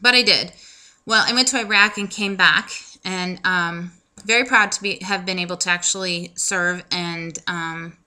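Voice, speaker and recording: Speaking at a moderate pace in a fairly low, sharp-toned voice, this vlogger, a woman in her thirties from the United States, talks casually to the camera about her life, joking at her own expense and saying "um" a lot.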